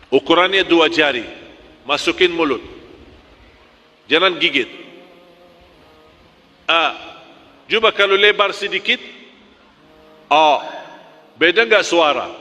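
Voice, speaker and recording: A man's voice: a little high, bright, forceful tone, long reverb tail. A man teaching Quran recitation, drilling letters one by one and chanting examples, correcting sharply.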